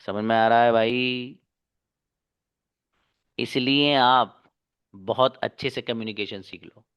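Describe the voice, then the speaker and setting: A man's voice: mid-range voice, fairly even intonation, slow pace, smooth, dull audio. A man teaching an online English class, talking earnestly and coaxingly to his students, calling them brother and daughter. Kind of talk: motivational talk to students. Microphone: online class mic.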